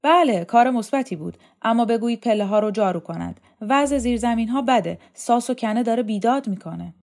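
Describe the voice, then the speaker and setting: A woman's voice: a little high, animated, darkish tone, voice pushed up. A woman voicing a stern, domineering male official in an audiobook reading. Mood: commanding. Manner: brusque, commanding.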